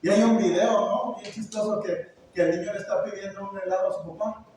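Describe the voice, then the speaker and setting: Pastor guy preaching, kinda high voice, joking, super echoey hall, mic far away. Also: steady tone, brisk, darkish tone, a little hiss or hum. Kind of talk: sermon. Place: church hall.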